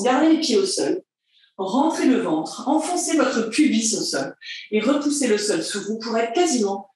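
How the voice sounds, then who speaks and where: A woman leading a pilates class, giving cheerful, encouraging cues, counting repetitions aloud and laughing often. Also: sits high. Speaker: pilates instructor. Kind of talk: guided workout instruction. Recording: very echoey room, mic at a distance.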